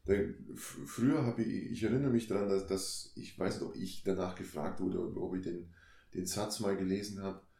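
Low-voiced man musing in a roomy space. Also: fairly even intonation, normal speed, vocal fry, mellow. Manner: reflective, explains with examples and rhetorical questions. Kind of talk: casual conversation. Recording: roomy echo.

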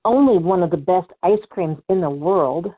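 A woman voicing an excitable, pushy young woman who grew up in Chicago, in a storybook reading. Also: lowish voice, moderate pace. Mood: excited. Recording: tinny phone-like sound.

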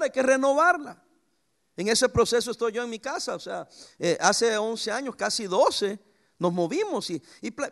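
Male pastor, high gravelly voice, very lively swings in pitch, preaching with homely stories. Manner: lively preaching with sudden pitch jumps and anecdotes. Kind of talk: sermon.

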